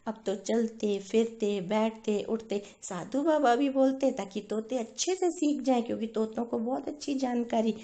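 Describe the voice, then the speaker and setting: A woman narrating a moral story, calm and explanatory, speaking directly to her listeners. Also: fairly high pitch, moderate pace, hardly any pauses.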